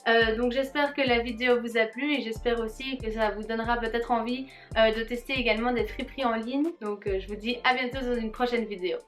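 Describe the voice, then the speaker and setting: A young woman in a casual try-on haul vlog, talking viewers through her clothes in a friendly way, often pausing on filler words. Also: fairly high pitch, fairly even intonation, music in the background. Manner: hesitant, with frequent filler pauses; friendly, addressing viewers directly. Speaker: fashion vlogger.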